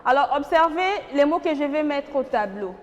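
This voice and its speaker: A woman's voice: high-pitched, expressive, normal speed, long reverb tail. A woman with a Congolese French accent teaching a primary school grammar lesson, patient and questioning, repeating key words for the class.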